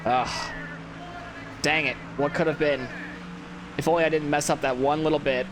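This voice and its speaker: A tired gameplay commentator with a voice on the high side keeps a steady tone at normal speed. His let's-play talk is casual, rambling, and self-critical, full of restarts, while loud engine noise from a racing game plays underneath.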